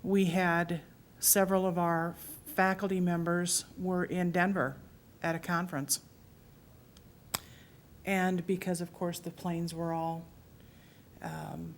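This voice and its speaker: Slowly and in a low voice, a middle-aged woman in the audience at a library talk recalls her memories, earnest and emotional but even-toned. Slight background noise can be heard.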